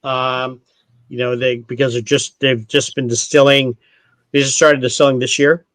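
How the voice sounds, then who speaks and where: At a moderate pace, this man, raised in Canada and pitched mid-range for a male voice, works as a distillery brand ambassador hosting a relaxed video-call tasting chat. His explanations run long and wander, with frequent self-corrections, and the sound is close and dry without any echo.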